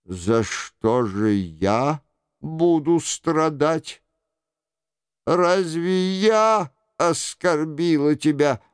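A man voicing a scheming aging queen mother, slow and pleading in a coaxing way. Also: a little high, lively intonation, smooth, no room sound, clean studio sound, voice pushed up.

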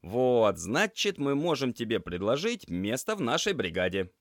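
A brash, teasing young tomcat student, put on by a male narrator. The voice jumps high and swings widely, loud and playful. It sits dry and close to the mic. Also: sing-song, normal speed, no echo. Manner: teasing, boisterous. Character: cheeky young male cat student, joker.

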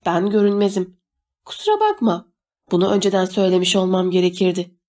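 A woman voicing an excitable, know-it-all invisible teenage boy in an audiobook. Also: mid-range voice, brisk, natural voice. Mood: eager. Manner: eager, talkative.

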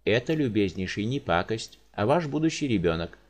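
A man voicing a pompous, fussy middle-aged male doctor with a high, hedging way of talking. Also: sing-song, brisk.

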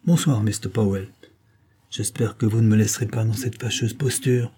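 A man voicing an unshakably calm, sarcastic detective facing captors in a storybook reading. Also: fairly low pitch, normal speed, slight background noise, close to an everyday voice. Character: cool, sarcastic male detective prisoner.

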